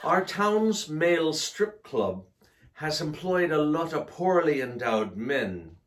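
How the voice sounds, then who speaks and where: A man co-hosting a casual chat, telling jokes in a playful, unhurried way. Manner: slow, playful joke-telling with lively pitch. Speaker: co-host.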